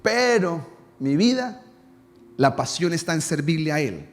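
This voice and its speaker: A man preaching a sermon as a pastor, asking the congregation rhetorical questions and dropping low and soft when he quotes a prayer. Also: sing-song, unhurried. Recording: long reverb in a church hall.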